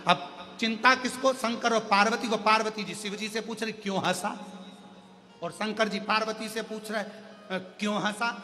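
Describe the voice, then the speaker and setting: A man telling a devotional story in a sermon, animated with rising emphasis and questions to his listeners. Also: high-pitched, moderate pace. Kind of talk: sermon storytelling with sung verses. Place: large devotional gathering. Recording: reverberant hall with faint music.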